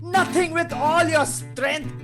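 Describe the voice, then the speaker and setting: A woman's voice: sits high, takes it slowly. A woman playing a gleeful, taunting male criminal madman in a script read, drawling theatrically. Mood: manic glee. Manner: theatrical, drawling, breaking into cackles. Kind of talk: table read of a film script. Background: live guitar music.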